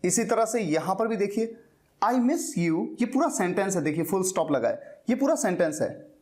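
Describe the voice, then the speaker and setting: A man's voice: sits high, big pitch swings, a little mellow. Man teaching English punctuation. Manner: explains step by step, repeats key words slowly. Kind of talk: spoken English lesson.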